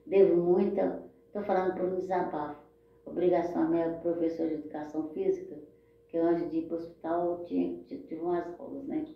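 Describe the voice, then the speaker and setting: A woman's voice: on the low side, little pitch movement, a little fast, creaky. Woman telling her story in an echoey room. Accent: Brazilian Portuguese. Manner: heartfelt, repetitive, often turning to listeners with "gente" and "né". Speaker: storyteller sharing her life. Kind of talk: personal storytelling. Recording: very echoey, dull lo-fi sound.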